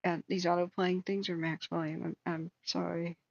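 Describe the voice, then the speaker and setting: A woman's voice: lowish voice, little pitch movement, normal speed, gravelly, a little mellow, lo-fi sound. A woman hosting a live stream, giving informal, rambling commentary in a conversational way. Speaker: live stream host tracking wildfires.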